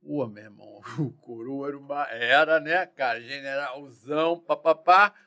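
A man, a former police chief telling war stories in a slangy, profane, animated way. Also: medium pitch, moderate pace. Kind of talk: casual storytelling interview.

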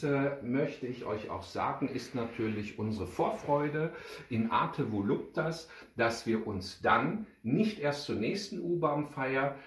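Lively male storyteller, pitch roaming widely; roomy echo. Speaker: reader and club speaker. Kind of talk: reading a children's story aloud.

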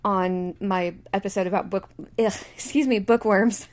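A woman's voice: mid-range voice, steady tone, moderate pace, faint music behind. A young woman hosting her own podcast in a casual, chatty way, with lots of fillers and restarts. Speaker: podcast host. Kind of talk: casual solo podcast chat.

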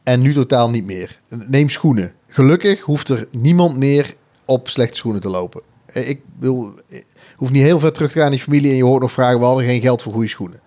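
A man's voice: mid-range voice, animated, brisk, mellow. A man co-hosting a podcast, thinking aloud in casual chat with frequent hesitations. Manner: musing, many fillers and restarts. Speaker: podcast co-host. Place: office studio.

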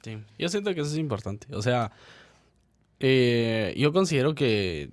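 A young man, co-hosting a casual podcast chat and explaining his views through everyday examples in relaxed slang. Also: mid-range voice, measured pace, dry recording, studio quality. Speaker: podcast co-host.

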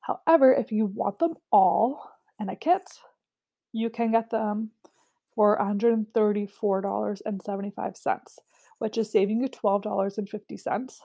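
Woman, young adult, casual product rundown, gravelly fry, dark mellow tone, chatty fillers. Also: medium pitch, moderate pace. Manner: chatty, filler-heavy, lists prices. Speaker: essential oil seller.

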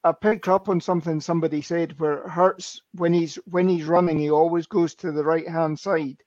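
A man with a fairly high voice breaks down players and plays in quick detail on a casual fan podcast. His mic sounds dull and completely dry, like a remote call-in setup. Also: steady tone, darkish tone, no room sound. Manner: fast, detailed run-through of players and plays. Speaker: podcast co-host.

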